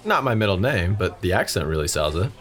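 A man's voice: deep voice, sing-song, a little fast, fairly bright tone, slight background noise. A man playing a charming, easygoing restaurant owner.

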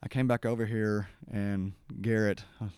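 A man's voice: on the low side, level tone, moderate pace, darkish tone, smooth, dry recording, clean studio sound. A man hosting a podcast, telling a rambling story outdoors with lots of restarts and acted-out quotes. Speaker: podcast host. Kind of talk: casual storytelling conversation.

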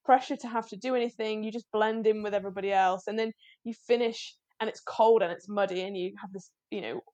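A woman's voice: medium pitch, fairly even intonation, quick pace, a little mellow. A woman being interviewed, talking casually with many restarts and frequent laughs. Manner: chatty, self-deprecating, laughs often, many restarts. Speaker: guest, cyclist.

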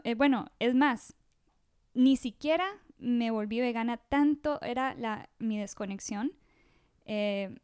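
A woman's voice: on the high side, a little mellow, smooth, dry recording, clean studio sound. A woman in her thirties from Rica, telling her story as a podcast guest in a chatty way, often restarting her sentences. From Costa Rica. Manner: chatty, with frequent restarts and fillers. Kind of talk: casual interview storytelling.

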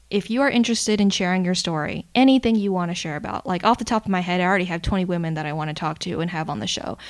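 A woman hosting her own podcast, talking candidly and outspokenly in a solo intro monologue, swearing freely and dropping in "you know" and "like" as she goes. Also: medium pitch. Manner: mixes fillers like "you know" and "like" into fast talk. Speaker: podcast host.

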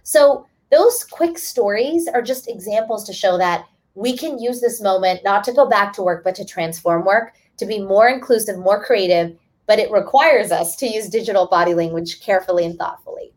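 A woman author appears as a guest speaker in a webinar, explaining things earnestly and sometimes restarting her phrases. Her mid-range voice has a darkish tone and moves at a normal speed.

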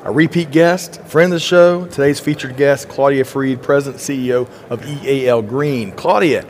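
A man's voice: medium pitch, steady tone, moderate pace, a little mellow, slight background noise. A man hosting a podcast interview at a conference expo, upbeat and chatty with frequent fillers. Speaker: podcast host.

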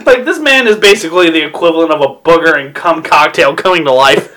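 A man's voice: on the high side, fast, sharp tone. A man co-hosting a podcast, joking crudely and laughing through his lines. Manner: laughs constantly, vulgar joking. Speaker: podcast co-host. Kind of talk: crude comedy chat.

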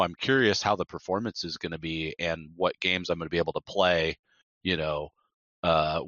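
A man's voice: sits low, sharp tone, no echo, dull audio. A man co-hosting a casual podcast, talking upbeat about his gadgets. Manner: upbeat, self-described gadget fan. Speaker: podcast co-host. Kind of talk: casual chat.

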